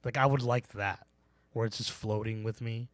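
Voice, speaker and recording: A man's voice: on the low side, steady tone, normal speed, dry recording. Laid-back man on a podcast, very dry close mic. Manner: playful, laughs often, many restarts. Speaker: podcast co-host. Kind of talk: casual chat.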